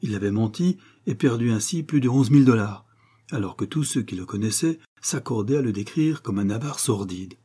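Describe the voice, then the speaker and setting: A man reading a novel aloud as narrator, in a measured, steady storytelling manner. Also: mid-range voice, husky.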